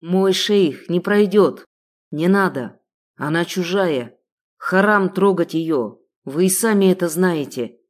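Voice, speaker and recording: A woman's voice: on the low side, animated, takes it slowly. A woman voicing a pleading loyal servant man. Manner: urgent, pleading.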